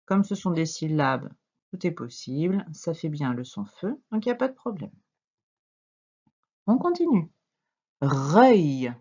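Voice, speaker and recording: A woman teacher with a French accent, giving a slow, patient reading and dictation lesson to a young child and spelling out letters. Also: low-pitched, sing-song, darkish tone, husky, muffled recording. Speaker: primary school teacher.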